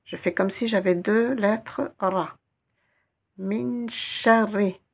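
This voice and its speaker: Slow, gravelly-voiced woman teaching letters. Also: medium pitch. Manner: spells out letters and syllables slowly, repeating sounds. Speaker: Arabic teacher. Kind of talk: slow guided reading lesson.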